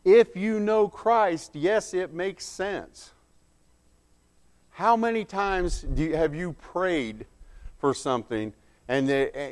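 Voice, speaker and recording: A man preaching an earnest, emphatic sermon, pausing and correcting himself as he goes. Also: on the high side.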